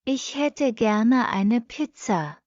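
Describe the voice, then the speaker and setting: A woman reading short practice sentences for a language lesson, saying each one twice, slowly and evenly. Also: fairly high pitch, animated, darkish tone, no room sound. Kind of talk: slow repeated phrase reading for learners. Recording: dull lo-fi dry recording.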